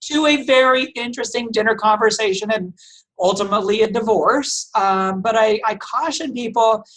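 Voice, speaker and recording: Halting, thoughtful man from Portugal. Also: high voice, fairly bright tone. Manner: thoughtful, halting with many restarts and fillers. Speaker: family law attorney guest. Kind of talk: conversational podcast interview.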